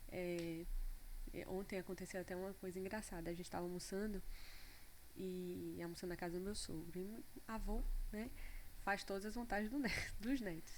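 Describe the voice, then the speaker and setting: A woman speaks in a relaxed conversational way, reflective and full of small fillers. Her voice sits at a middle pitch. A faint noise hangs under the recording. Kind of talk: casual conversation.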